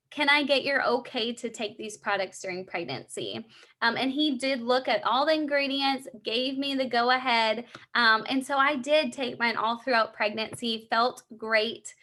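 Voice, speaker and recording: A young woman acting as a supplement sales consultant takes part in a three-way phone call sales role-play. Her voice is a little high, pushed and bright as she explains and encourages in an upbeat, conversational way.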